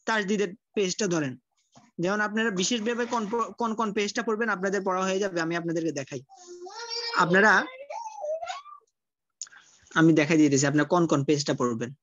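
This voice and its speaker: A man teaching Quran recitation in an online class, speaking colloquially, often repeating himself and sounding out syllables slowly. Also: high voice, fairly bright tone, no echo, dull audio.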